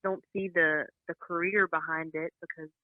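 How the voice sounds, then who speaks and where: A country singer from North Carolina talking on a telephone line in a casual interview, chatty and quick to laugh. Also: female voice, on the low side, steady tone, dry recording. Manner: chatty, laughs often between points. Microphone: phone. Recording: dry, tinny telephone line.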